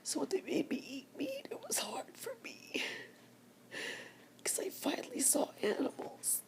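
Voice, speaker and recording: An older woman vlogger whispers slowly to her camera in a personal video, crying softly and full of deep emotion. Her pitch swings widely.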